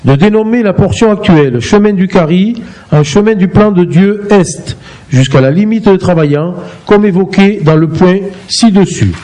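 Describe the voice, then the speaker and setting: A man on a town council reading a formal motion aloud, in a steady and formal manner. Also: sits high, normal speed, rough recording. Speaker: council member reporting a motion.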